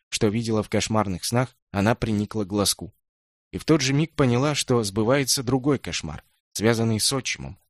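A man narrating an audiobook in a steady, measured storytelling manner. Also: on the low side, dry recording, studio quality. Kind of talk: audiobook reading.

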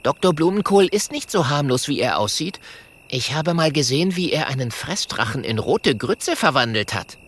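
A man's voice: on the high side, big pitch swings, moderate pace, fairly bright tone, slight background noise, voice pushed up. A man voicing a small, friendly young male dragon in a storybook reading. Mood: eager. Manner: stammering when scared.

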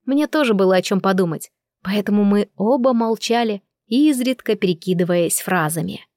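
A woman narrating a first-person novel as an audiobook, with an even storytelling delivery. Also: medium pitch, normal speed, no room sound, studio quality.

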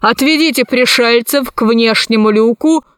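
A woman's voice: on the high side, moderate pace, fairly bright tone, smooth, dry recording, clean studio sound, close to an everyday voice. A woman voicing a cold, commanding queen presiding over a council in an audiobook. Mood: stern. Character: stern, imperious queen ruling a council. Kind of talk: audiobook character voice.

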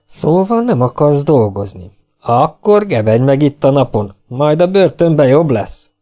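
A brutal, bellowing chaplain-overseer in an audiobook who barks insults at the prisoners, as the male narrator puts him on. His voice is pushed well above the reader's usual pitch, loud and harsh. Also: big pitch swings. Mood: bellowing cruelly. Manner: barking insults.

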